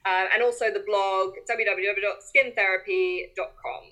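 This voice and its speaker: A woman's voice: mid-range voice, fairly even intonation, normal speed, sharp tone, rough recording. A woman guest in a casual interview chat, talking informally and correcting herself as she goes. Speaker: podcast guest.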